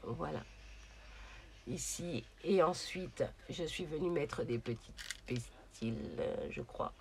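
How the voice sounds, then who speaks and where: A woman's voice: deep voice, animated, slow pace, vocal fry, a little mellow, slight background noise. A woman hosting a casual crafting tutorial, chatty and hesitant, with many fillers as she talks through her project. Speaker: craft channel host.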